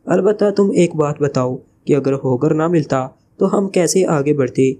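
A man's voice: on the high side, moderate pace, warm tone, a little hiss or hum, lightly acted. A man reading the part of a sly, joking male spy leader in a teasing, evasive way.

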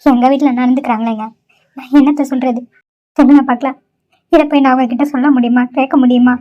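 A sad, despairing young woman in a homemade cartoon, voiced by a woman. Her voice is high and she speaks sorrowfully. The recording sounds dull and lo-fi. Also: steady tone, quick pace, mellow, lightly acted. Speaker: cartoon character.

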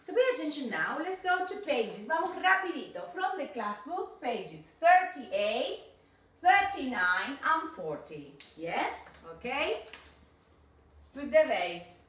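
A woman English teacher with a Rioplatense Spanish accent, giving a video class to children, mixing Spanish and English and drilling slow, encouraging repetitions. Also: high voice, sing-song, fairly bright tone, far from the mic. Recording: echoey room, voice off-mic.

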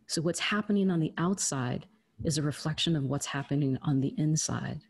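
Low husky woman, earnest author. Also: moderate pace, no echo. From Trinidad. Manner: reflective, earnest storytelling. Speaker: author guest. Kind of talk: interview conversation. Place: studio against plain grey backdrop.

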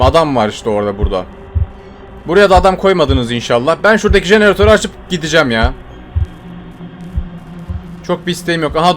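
Guy doing horror game commentary, kinda high voice, yelps then goes quiet n sneaky, music playing behind. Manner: jumpy, shouts when scared, drops to hushed muttering when sneaking. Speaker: gaming YouTuber.

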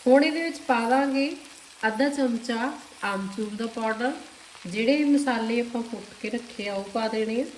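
A woman's voice: a little high, normal speed. Woman with a Punjabi accent explaining a recipe. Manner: calm, explanatory, addresses viewers directly. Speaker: cooking channel host. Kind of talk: step-by-step cooking instruction. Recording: echoey kitchen with faint noise. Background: sizzling and stirring of food.

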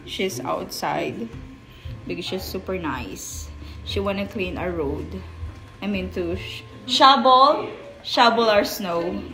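A woman's voice: on the low side, slow pace, rough recording. A woman in her thirties with a Filipino accent, a native Tagalog speaker, chatting casually for a phone vlog. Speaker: vlogger. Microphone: phone at arm's length. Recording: handheld phone, loud music over it.

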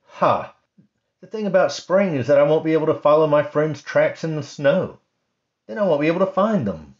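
A fussy, grumbling bunny from a storybook, raised in pitch and pushing hard on his complaints, put on by a male reader. His voice swings up and down a lot. The recording sounds dull and lo-fi. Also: expressive, moderate pace, natural voice. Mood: grumpy. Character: grumpy complaining male rabbit, small.

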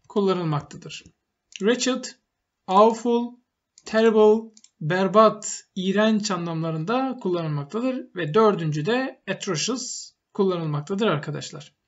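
A man's voice: high voice, muffled recording. A man teaching English vocabulary, explaining each word step by step and repeating it for emphasis, with typing on a keyboard. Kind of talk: vocabulary lesson while typing.

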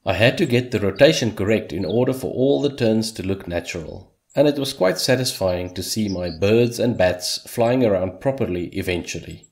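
A man whose first language is Afrikaans reflects on a year of hobby game development in a scripted narration. His voice is fairly low, gravelly, and darkish, and he delivers it in a measured way with dry humor.

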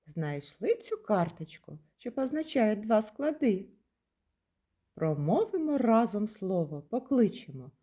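A woman from Ukraine teaches small children in a slow, carefully spaced lesson. Her voice is mellow and warm, and it rises and falls in a lively, sing-song way. She draws out and stresses words so the children can repeat them. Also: medium pitch. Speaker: kindergarten teacher. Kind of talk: slow, clearly articulated lesson for young children.

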